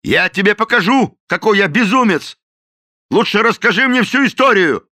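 A man voicing a loud, blustering, dim-witted police captain who barks and bullies. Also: medium pitch, sing-song, fairly quick, dry recording, clean studio sound, voice pushed up. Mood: shouting. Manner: barking, bullying, shouting.

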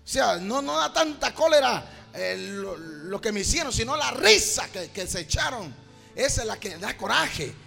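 A man's voice: very high voice, big pitch swings, vocal fry. A man preaching a fervent evangelical sermon, often calling out to his listener as brother. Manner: fervent, drawn-out, addresses "hermano". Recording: reverberant hall, faint music.

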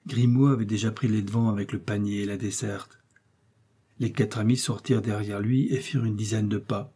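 A male narrator reading a classic novel aloud as an audiobook. His voice is dark and mellow with a husky edge. He keeps a steady, even storytelling pace. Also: lowish voice, fairly quick.

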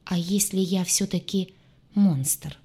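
Brief: woman reading a brooding, tender alien male captain in an audiobook, low and husky, spoken quietly. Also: slow pace, full character voice.

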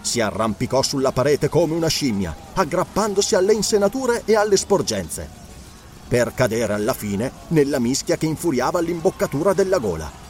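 Male narrator, slightly high voice, animated dramatic reading. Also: normal speed, a little hiss or hum. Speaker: audiobook narrator.

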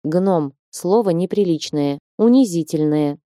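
A woman voicing a soft-spoken gentle dwarf husband. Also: on the low side, lively intonation, unhurried, no echo, studio quality. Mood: calm. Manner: soft, soothing, patient.

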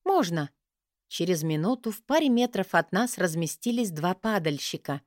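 A woman reading a first-person fantasy audiobook in a lively, wry storytelling manner. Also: lowish voice, normal speed, dry recording, clean studio sound. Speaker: audiobook narrator.

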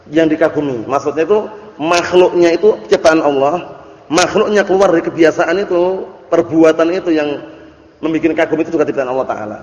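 A man, a religious teacher, giving a classroom lecture on Arabic grammar. He recites the Arabic slowly, explains it, and keeps checking that students follow. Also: a little high. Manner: keeps checking understanding with quick questions. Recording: echoey hall, dull lo-fi audio.

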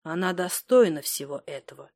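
A woman reading aloud voices a young male detective in a storybook, speaking calmly and steadily. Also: moderate pace. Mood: quiet resolve. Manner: calm, steady, low-key.

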